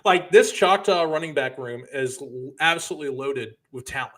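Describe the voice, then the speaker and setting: A man co-hosting a casual high school football talk show, speaking in a conversational, teasing way. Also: moderate pace, fairly bright tone. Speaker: podcast co-host.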